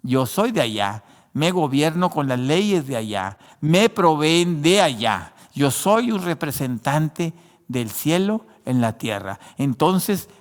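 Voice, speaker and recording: A man's voice: a little high, very animated, slow, long reverb tail. A man preaching a sermon who learned Spanish later, addressing listeners as brothers, with frequent restarts. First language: not Spanish. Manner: preaching with many fillers and restarts, addressing "hermano". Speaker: pastor.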